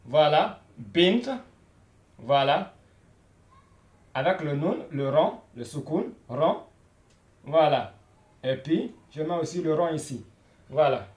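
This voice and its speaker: A man leads a beginner language lesson in a fairly high voice. He speaks slowly, drilling each word over and over and checking in after almost every phrase. The room gives his voice a noticeable echo. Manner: repetitive, drills each word with frequent "voilà" and "hein?". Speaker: Arabic teacher. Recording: echoey room.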